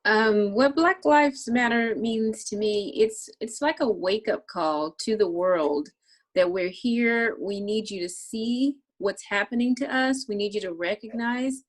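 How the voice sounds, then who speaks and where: A woman's voice: a little high, unhurried. Earnest woman on a video call. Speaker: discussion participant. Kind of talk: video call group discussion.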